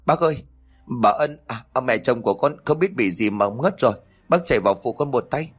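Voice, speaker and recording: A man voicing a sharp-tongued, scornful young wife in a spoken story, her lines pitched well above his narration and delivered snappishly. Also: expressive, a little fast, breathy edge, soft background music. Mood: pleading.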